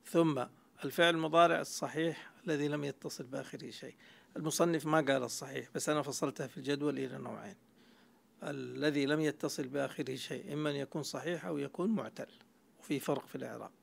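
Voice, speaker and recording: A man gives a classroom grammar lecture in a heavily gravelly, creaky voice. He walks through each point step by step and keeps asking his students questions as he goes. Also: a little high, steady tone, fast. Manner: explains step by step, quizzing students. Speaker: Arabic grammar teacher.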